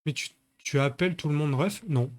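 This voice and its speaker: A man's voice: fairly high pitch, brisk. A man streaming a video game live, chatting with his viewers in crude, joking banter. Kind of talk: live-stream gaming commentary.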